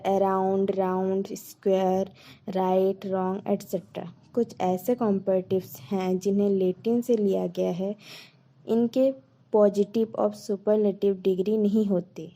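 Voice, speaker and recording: A woman's voice: mid-range voice, flat delivery, slow, mellow, poor audio. A woman with an Indian accent teaching a grammar lesson, spelling out words letter by letter.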